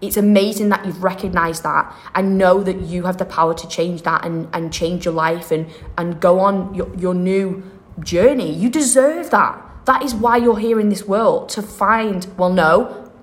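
A woman's voice: lowish voice, unhurried. A young woman hosting a self-help podcast, talking in an upbeat, encouraging way, rambling and correcting herself as she goes. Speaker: podcast host.

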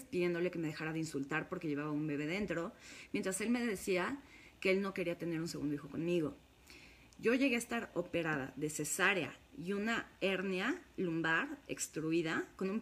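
A woman's voice: fairly low pitch, slightly rough. A woman with a Mexican accent, a spiritual course leader, speaking to her viewers in a frank, emphatic confessional monologue.

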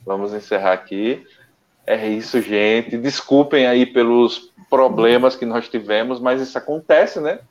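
A man's voice: mid-range voice, a little slow. Man telling a story on a muffled call. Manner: relaxed, rambling, with many restarts. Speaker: co-host of an online study show. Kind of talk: casual storytelling and sign-off. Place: his home. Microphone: internet call. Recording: dull, lo-fi internet call audio.

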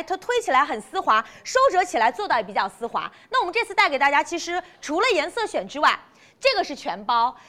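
A woman presenting products on a live shopping stream, explaining features step by step as she pitches them. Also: a bit bright.

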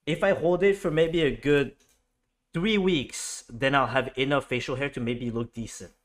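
A young man in casual chat with friends, rambling through his points with many fillers. His voice is of middling pitch. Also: moderate pace.

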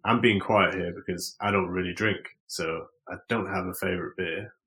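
Guy, easygoing, very deep voice, casual podcast talk. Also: steady tone, moderate pace, pushed and bright. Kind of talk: casual chat.

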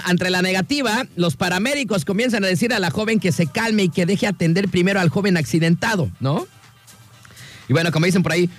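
Mexican man, radio host, slangy joking chat, fairly high voice, faint music underneath. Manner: slangy, joking, many fillers. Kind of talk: casual radio talk.

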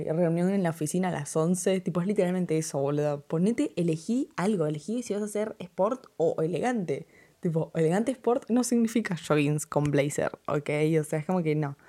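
A woman's voice: lowish voice, mellow. A teenage girl with an Argentine accent giving blunt, dismissive opinions on fashion in a casual vlog, repeating "no" often. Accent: Argentine Spanish.

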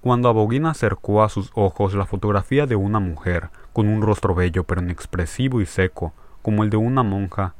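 A man narrating a classic short story in a measured, steady audiobook reading. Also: fairly low pitch, dry recording.

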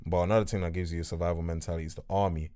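Low-voiced young London roadman. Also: steady tone, very fast, dark tone. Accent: London, urban roadman slang. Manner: slangy, says fam and bro often. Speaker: podcast co-host. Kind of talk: casual banter with friends.

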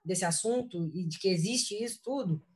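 A woman's voice: mid-range voice, moderate pace. A Brazilian woman co-hosting a casual live chat, speaking hesitantly with many fillers. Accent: Brazilian Portuguese.

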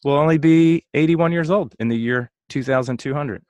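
A man's voice: on the high side, normal speed, darkish tone, dry recording. A man in his late thirties co-hosting a podcast, rambling and joking as he thinks aloud in casual chat. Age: 30s. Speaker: podcast co-host.

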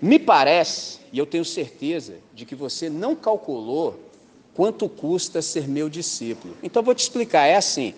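A man voicing a calm, gentle Jesus explaining things in plain modern words during a sermon. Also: fairly high pitch, moderate pace, long reverb tail.

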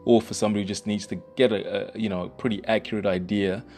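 A man's voice: on the low side, steady tone, quick pace, a little mellow. A man explaining real estate in a loose, conversational way, with lots of fillers and restarts. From New Zealand. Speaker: real estate broker and host. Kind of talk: casual explainer monologue.

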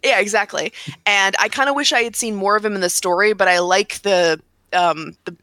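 Woman podcast panelist, bright and sharp tone, dry close mic, fast filler-heavy chatter. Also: mid-range voice, no echo. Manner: rapid, full of "like" fillers and restarts. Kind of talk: casual chat about video games.

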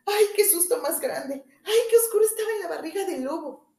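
A woman's voice: sing-song, unhurried, a little mellow, roomy sound. A woman doing a wide-eyed little girl. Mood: frightened. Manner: high, childlike and wide-eyed.

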